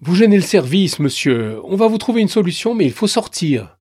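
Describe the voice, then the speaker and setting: A man voicing a burly male guard, polite but firm, speaking loud and fast. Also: high voice, very animated, breathy edge, no room sound, studio quality, voice pushed up, heavily acted.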